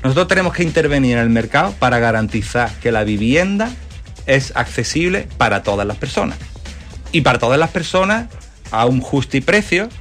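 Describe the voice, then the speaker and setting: A man's voice: medium pitch, a bit bright. A man from Málaga, a political candidate giving earnest, fluent answers in a radio interview. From Málaga, Spain. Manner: earnest, fluent campaign talk with fillers.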